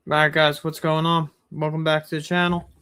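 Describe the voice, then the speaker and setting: A man's voice: fairly high pitch, flat delivery, brisk, pushed and bright, clean tone, studio quality. A man hosting his own channel, talking bluntly, with a heavy echo on his voice. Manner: blunt, swears freely. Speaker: channel host. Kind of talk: casual political commentary.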